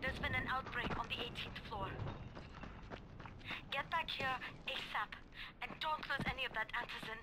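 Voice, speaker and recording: Bossy urgent fighter woman on game radio, high voice, really noisy background. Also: moderate pace, long pauses. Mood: urgent, alarmed. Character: urgent, commanding female resistance fighter. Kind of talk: video game voice acting. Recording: radio call under loud noise.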